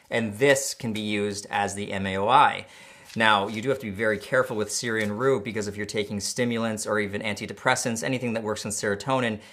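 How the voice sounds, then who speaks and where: A man's voice: on the low side, fairly bright tone. A male vlogger talking through a casual unboxing in a sarcastic, joking mood, stumbling over hard plant names.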